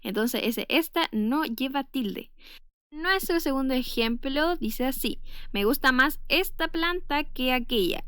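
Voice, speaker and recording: A woman's voice: fairly high pitch, fairly bright tone, smooth, no room sound, clean studio sound. A woman teacher with a Chilean Spanish accent giving a recorded spelling lesson, explaining step by step with frequent "eh" fillers and stressed example words.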